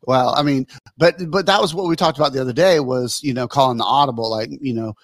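A man's voice: medium pitch, quick pace, dry recording, clean studio sound. A middle-aged man co-hosting a podcast in casual chat, rambling and laughing through his stories. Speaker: podcast co-host.

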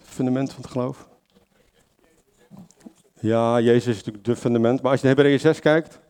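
Man, lay preacher, informal sermon, chatty and hesitant, mid-pitched. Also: steady tone, normal speed, darkish tone, smooth. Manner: conversational, many fillers and self-corrections, asks the congregation questions.

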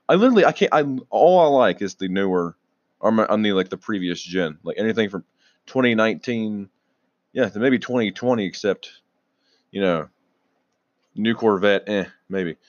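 On his own show, a young auto news vlogger rambles casually and sounds tired, restarting sentences, swearing now and then and clearing his throat a lot. His voice is lowish, and the audio is dull with no room sound.

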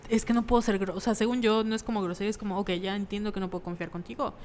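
A woman with a Mexican accent chatting casually, telling animated stories and acting out the voices in them. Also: mid-range voice, rapid-fire, big-room sound, slight background noise. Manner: animated storyteller, acts out quotes, laughs often. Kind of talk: casual chat.

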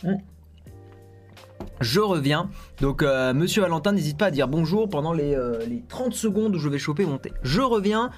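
A streamer chatting loosely on a tech live stream, his voice sitting a little high. He jokes with the chat, stumbles over fillers, and faint music plays behind him. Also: expressive, moderate pace. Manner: chatty, many fillers, jokey asides.

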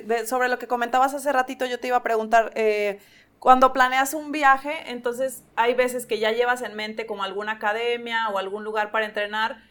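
Woman co-host, easygoing questions full of fillers, slightly high pitch. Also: fairly bright tone. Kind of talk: casual podcast chat.

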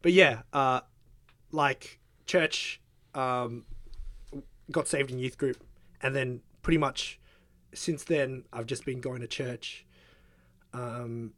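A man's voice: mid-range voice, takes it slowly, dry recording. A young man, a guest in a casual interview, talking hesitantly with lots of fillers. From Australia. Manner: hesitant, filler-heavy, soft-spoken.

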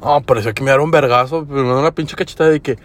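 A man's voice: mid-range voice, rapid-fire. A young man with a Mexican Spanish accent telling work stories on his podcast, casual and crude. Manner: slangy, crude, laid-back. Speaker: podcast host. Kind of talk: casual storytelling.

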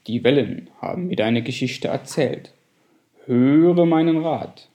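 A man voicing a wise old octopus in a storybook reading, speaking in a deep voice, solemn and slow. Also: lively intonation, warm tone.

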